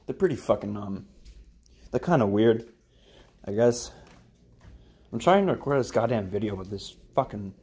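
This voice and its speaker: A man's voice: on the low side, expressive, normal speed, long pauses, a little mellow, slightly rough. A young man rambling crudely in a casual home vlog while he cooks in his kitchen, swearing often and mumbling offhand. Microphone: phone camera held and moved around.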